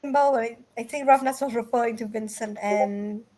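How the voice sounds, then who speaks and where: A woman's voice: a little high, steady tone, normal speed, dark tone. A woman chatting as a player in a tabletop game, teasing and laughing often. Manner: giggly, teasing. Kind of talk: casual tabletop game chat.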